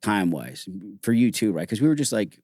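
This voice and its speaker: A fairly low-pitched, middle-aged man speaks in a close, dry sound as host of a casual podcast chat. He tells stories in an animated way, stops and restarts often, and leans on "like" while acting out what others said. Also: moderate pace, no room sound. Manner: animated storytelling, acts out quotes; heavy use of "like", frequent restarts.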